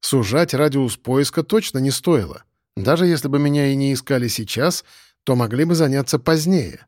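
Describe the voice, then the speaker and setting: A man's voice: medium pitch, lively intonation, moderate pace, darkish tone, no echo, studio quality. A man reading a first-person audiobook as narrator, in a wry, matter-of-fact way.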